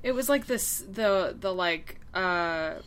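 Bright-voiced rambling woman. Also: lowish voice, slow pace, a little hiss or hum. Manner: rambling, searches for words, laughs often. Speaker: podcast co-host. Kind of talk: casual chat about games.

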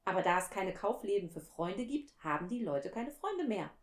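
A woman's voice: medium pitch, sing-song, moderate pace, close to an everyday voice. Wise wistful fox, as a woman reads him aloud. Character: wise gentle male fox, longing for friendship. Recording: roomy echo.

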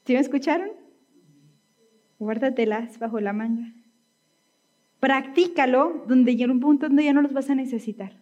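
A woman pastor delivers a sermon in a relaxed, conversational way, constantly checking in with her listeners through quick tag questions. Her voice sits a little high for a woman. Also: lo-fi sound.

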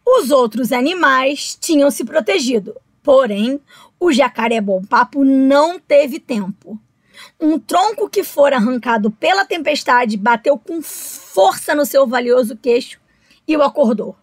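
High-voiced woman reading a children's story. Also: no echo. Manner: slow, expressive, addresses children.

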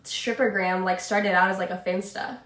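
A young woman guest chatting casually and telling animated, giggly, self-mocking stories, saying "like" very often and acting out quotes. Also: medium pitch, moderate pace. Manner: says like a lot. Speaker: podcast guest. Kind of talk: casual chat, animated storytelling. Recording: echoey room.

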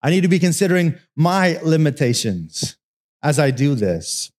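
High-voiced pastor, chatty sermon. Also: male voice, big pitch swings, moderate pace, a little mellow. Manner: conversational storytelling, joking asides.

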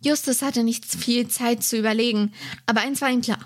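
A woman reading a detective story aloud in a steady, measured way. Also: on the high side. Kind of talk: reading a novel excerpt aloud.

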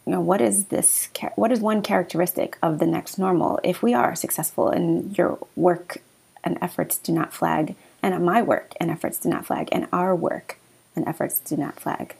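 A woman's voice: lowish voice, fairly even intonation, normal speed, vocal fry, a little mellow, slightly rough. A woman hosting a podcast, asking questions in a playful, encouraging way. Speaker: podcast host. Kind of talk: interview hosting.

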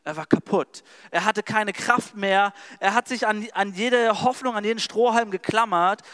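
A male preacher delivers a sermon and retells scripture in chatty, slangy language. He speaks directly to his listeners. His voice sits high and sounds smooth and resonant. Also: moderate pace, bright, forceful tone, long reverb tail. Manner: casual and slangy storytelling, addresses the audience directly.

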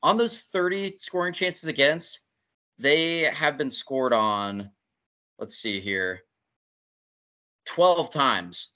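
A man co-hosting a casual hockey podcast, animated and profane as he reads through statistics. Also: mid-range voice, takes it slowly, long pauses. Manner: animated, swears, rattles off statistics. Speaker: podcast co-host. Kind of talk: casual sports talk.

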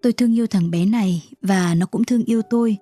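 A woman's voice: mid-range voice, quick pace, warm tone, faint music behind, lightly acted. A woman voicing a stern old male street performer in a storybook reading, with curt, commanding speech. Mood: earnest.

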